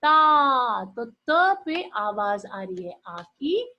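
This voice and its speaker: Slow, sing-song woman teaching small children. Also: mid-range voice, very animated, dull audio. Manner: slow, sing-song and encouraging, drawing out sounds and asking the children questions. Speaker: primary school teacher. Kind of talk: online Hindi lesson for young children.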